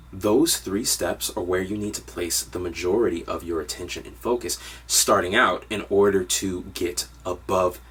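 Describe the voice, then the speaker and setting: A man's voice: on the low side, slightly rough, far from the mic. A man giving an upbeat, direct online lesson on piano harmony. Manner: upbeat, direct instructional delivery. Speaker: music teacher.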